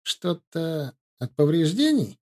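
A man's voice: fairly high pitch, sing-song, takes it slowly, a little mellow, pitched above the performer's own voice, heavily acted. A man doing a cocky, mocking young student. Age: young adult. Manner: mocking, teasing.

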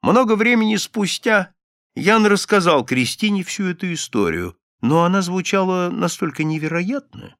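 A man reading a fairy tale aloud in an animated, expressive way. His voice carries a gravelly edge and swings widely in pitch. The recording is dry and close. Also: normal speed, no echo. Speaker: narrator. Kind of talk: audiobook narration.

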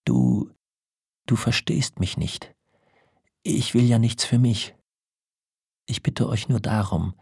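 Bitter, stammering old husband in an audiobook, voiced by a man, low and husky. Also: big pitch swings, slow, long pauses, darkish tone, no room sound, studio quality, heavily acted. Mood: pleading. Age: older. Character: agitated, humiliated old husband.

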